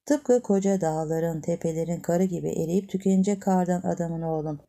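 A loving storybook mother, patient and gentle as she comforts her son, played by a woman narrating. Her tone is dark and mellow, a little lower than most women. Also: fairly quick, creaky. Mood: tender. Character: tender, cheerful mother soothing her son.

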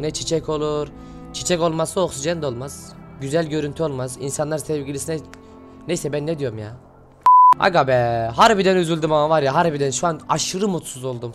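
A man hosting his channel, giving excited reaction commentary and shouting at the screen in casual slang. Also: fairly high pitch. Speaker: channel host reacting to an animation.

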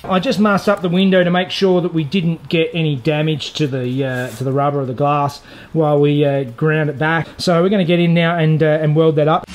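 This DIY car repair host, an Australian man in his thirties, demonstrates body repair in his garage in a hands-on tutorial with voice-over, speaking into a lapel mic. His voice is a little high and brisk, with music underneath. He stays relaxed, practical, and self-deprecating, saying "uh" often.

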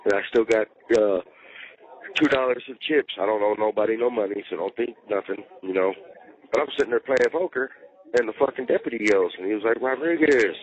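A man's voice: fairly low pitch, brisk. A man calling from jail, telling stories in casual, profane slang. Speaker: jail inmate on a phone call. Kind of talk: casual phone chat. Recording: tinny jail phone line.

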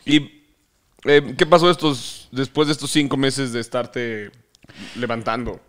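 A man's voice: mid-range voice, fairly even intonation, unhurried, fairly bright tone. A man with a Mexican accent hosting a casual interview, playful and teasing, laughing often. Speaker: podcast host and interviewer.

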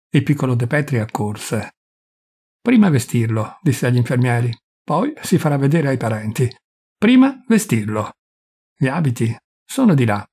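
A man narrating a classic short story as an audiobook, reading in a measured way and giving the characters' lines small shifts of voice. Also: mid-range voice, a little mellow, slightly rough. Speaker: reader of literary fiction.

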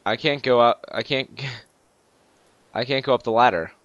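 A teenage boy chats through a let's play, excitable and rambling, tripping over his words as he goes. His voice sits in a middle register. The mic sounds dull and lo-fi, with no room echo at all. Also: mid-range voice, moderate pace. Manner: rambling, excitable, lots of fillers and restarts. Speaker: gaming channel host. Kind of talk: casual Minecraft let's play chat.

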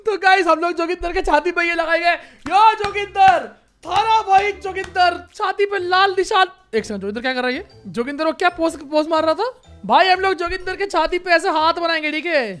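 A young man giving casual, joking gameplay commentary as a gaming YouTuber, excitable and repeating phrases in quick bursts. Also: very high-pitched, soft background music.

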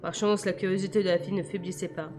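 A woman reading a novel aloud in a measured, quiet first-person narration. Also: fairly low pitch, level tone, slight background noise. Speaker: audiobook reader.

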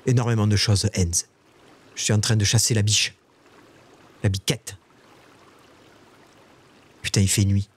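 A man streaming a survival game, talking to his chat in casual live commentary and shrieking high when startled. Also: steady tone, measured pace, long pauses, slightly rough.

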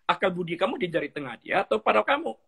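A husky, slightly high-pitched man in middle age speaks as a pastor in a relaxed interview. He tells stories animatedly, acts out little dialogues and mixes English phrases into his talk. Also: fast. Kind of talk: conversational teaching interview.

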